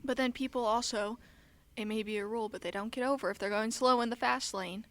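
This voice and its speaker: A woman's voice: a little high, fairly even intonation, a little fast. Blunt, ranting American woman. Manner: blunt, ranting, swears when annoyed. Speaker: podcast co-host. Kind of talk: casual chat.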